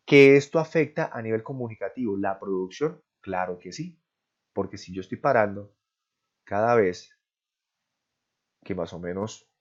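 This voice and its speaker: A man's voice: fairly low pitch, darkish tone, muffled recording. A male professor gives an online class, explaining step by step and often checking with "¿sí?" and "¿listo?".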